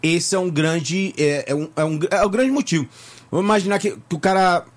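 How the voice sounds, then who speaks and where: A man's voice: high-pitched, brisk. A man from Bahia, Brazil, talking as a tax lawyer guest on a radio morning show, chatty and full of fillers and repeats. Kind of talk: casual radio interview. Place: radio studio.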